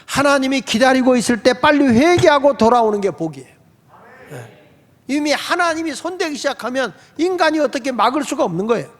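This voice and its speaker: A man delivering a sermon as pastor of a congregation. His voice sits high for a man, and he talks to the people in a plain, questioning way. The sound carries the long reverb of a church sanctuary. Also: big pitch swings, brisk. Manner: conversational preaching, asks the congregation questions.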